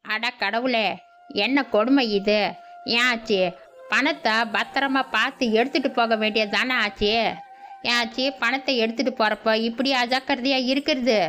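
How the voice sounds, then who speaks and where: A woman's voice: on the high side, steady tone, normal speed, a bit bright, close to an everyday voice. A woman voicing a concerned young village man who scolds and lectures an old woman in a cartoon story. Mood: concerned, scolding. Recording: dull lo-fi audio with background music.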